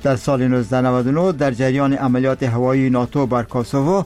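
A man's voice: mid-range voice, flat delivery, darkish tone. Afghan male radio newsreader over music. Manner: measured, formal read delivery. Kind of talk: formal radio news bulletin.

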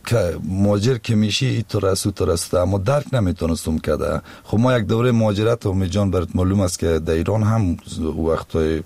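Low husky Afghan Dari-accented man. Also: few pauses, darkish tone, no echo. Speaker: singer. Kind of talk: casual interview chat.

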